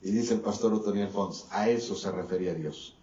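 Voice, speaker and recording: Distant echoey pastor preaching. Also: male voice, fairly quick, dark tone. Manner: preaching with swings between raised and lowered voice. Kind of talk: sermon. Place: church hall. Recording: distant echoey church mic, dull sound.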